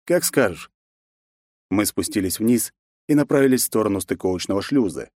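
A man reading a first-person novel aloud, harsh and forceful in the hero's lines. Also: lowish voice, expressive, fast talker, no room sound, clean studio sound. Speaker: audiobook narrator.

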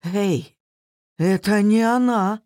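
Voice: mid-range voice, slow pace, a little mellow, dry recording, clean studio sound, natural voice. A reader voicing an exasperated constable who speaks with impatient scorn in a storybook reading. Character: exasperated short, sweaty constable.

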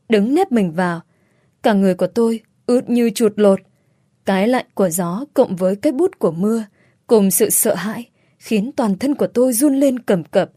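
A woman giving a scripted first-person narration of a story, told in a steady, measured way. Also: mid-range voice, dry recording, studio quality. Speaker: audiobook narrator. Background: faint background music.

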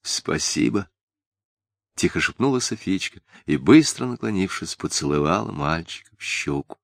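Male storybook narrator, low voice, lively intonation, dry close recording. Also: normal speed, vocal fry, no room sound. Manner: expressive, story-reading cadence.

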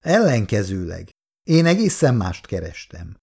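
A smug, sneering office clerk taunts with mocking politeness, as a man reads him out. The voice is gravelly and roams high and low, with jeering rises. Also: big pitch swings, warm tone, heavily acted.

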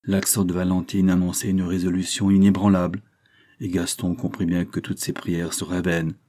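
Deep husky male audiobook narrator. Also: little pitch movement, normal speed, dark tone. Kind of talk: scripted narration of a classic novel.

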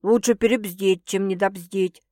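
A woman's voice: medium pitch, steady tone, measured pace, warm tone, dry recording, studio quality, natural voice. A woman voicing a brash, teasing young woman who scolds her sister bluntly and mockingly.

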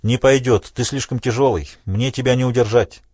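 A man's voice: mid-range voice, brisk, a little mellow, slightly rough, no room sound, clean studio sound, lightly acted. A man voicing a tough male climber who speaks in short, curt commands. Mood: grim. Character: tough male climber giving terse orders.

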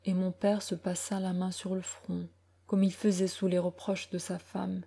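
A woman narrating a classic short story as an audiobook, in a measured, even storytelling manner. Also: lowish voice, creaky, breathy edge. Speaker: audiobook reader.

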